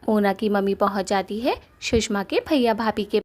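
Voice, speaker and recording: A woman narrating a cartoon story in a plain, steady storytelling way. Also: mid-range voice, normal speed.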